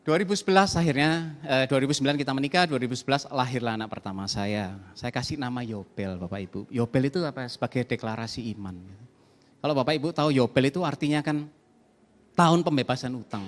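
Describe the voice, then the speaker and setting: A man's voice: medium pitch, fast talker. A man preaching a sermon to his congregation, speaking animatedly and addressing the listeners directly. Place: large church hall. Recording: long church reverb.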